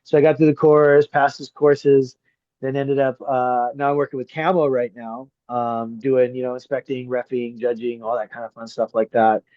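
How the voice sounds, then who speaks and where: A middle-aged man, a grappling referee and coach, chatting as a podcast guest; he tells stories with lively energy, swears freely, and acts out the people he quotes. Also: medium pitch, normal speed, no room sound. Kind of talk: casual chat. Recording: slightly muffled dry podcast audio.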